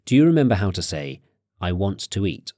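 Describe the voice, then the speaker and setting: A man narrating a language course, asking prompting questions and explaining grammar in a clear, instructive way. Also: low voice, big pitch swings, fairly quick, mellow, no room sound, clean studio sound.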